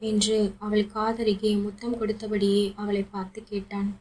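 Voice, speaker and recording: A woman narrating a romance novel as an audiobook, in a steady storytelling manner. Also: mid-range voice, moderate pace, poor audio. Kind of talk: reading a romance novel aloud.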